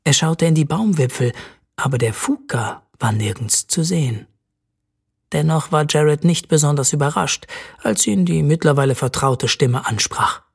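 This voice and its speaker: An audiobook narrator telling a fantasy story in a steady storytelling voice. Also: medium pitch, normal speed, creaky, husky. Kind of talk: scripted narration.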